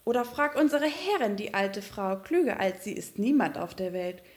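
A woman's voice: mid-range voice, animated, normal speed, natural voice. A woman voicing a bossy, mocking hen that lectures the duckling. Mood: scolding.

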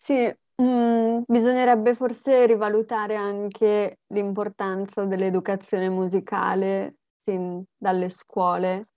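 A woman's voice: mid-range voice, flat delivery, slow, few pauses, dark tone, dry recording. A woman interviewer speaking politely to her guest. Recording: dull lo-fi sound.

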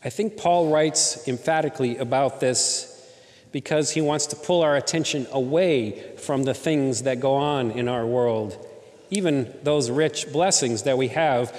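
A man's voice: medium pitch, measured pace, darkish tone, in a large hall. A man preaching a sermon as pastor, in a conversational way, often asking the congregation rhetorical questions. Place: church in Southern California.

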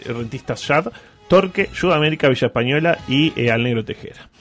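A man with a Uruguayan accent hosting a radio show, delivering sarcastic sports commentary with a deadpan manner. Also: mid-range voice, a little fast, faint music behind. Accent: Uruguayan Spanish. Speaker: radio host.

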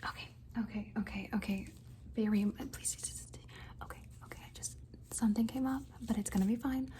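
A woman doing an ASMR whispered role-play as a face examiner, with fast, repetitive, insistent patter in a breathy, mostly unvoiced whisper close to the mic. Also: medium pitch, mellow.

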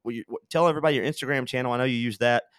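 A man hosting a podcast, asking questions in a halting way with many restarts. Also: medium pitch, fairly even intonation, a bit bright, no echo, clean studio sound. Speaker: podcast host. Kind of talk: casual interview chat.

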